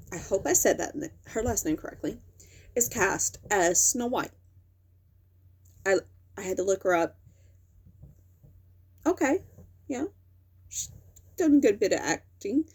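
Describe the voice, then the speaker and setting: A woman's voice: mid-range voice, big pitch swings, a little slow, long pauses, a little mellow, husky. A young woman hosting a casual commentary video, rambling and correcting herself with lots of fillers as she talks. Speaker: video host. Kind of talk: casual talking-head commentary.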